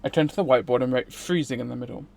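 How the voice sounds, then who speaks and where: This visual novel streamer reads theatrically over game music, dropping in casual asides as he goes. His mid-range voice is gravelly and darkish in tone, and he talks rapid-fire.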